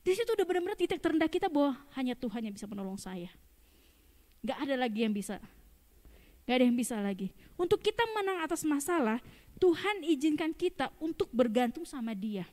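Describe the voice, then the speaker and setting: High-voiced woman pastor preaching. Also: big pitch swings, brisk, darkish tone. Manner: conversational preaching, often asks the congregation questions. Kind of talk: sermon. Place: church hall. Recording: long church hall reverb.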